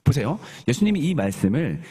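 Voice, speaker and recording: A man's voice: mid-range voice, big pitch swings, fairly quick, dark tone, husky. A male pastor preaching a sermon in a conversational, storytelling way, often asking the congregation questions and leading them in reading scripture aloud together. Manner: questions the congregation and leads group Bible reading.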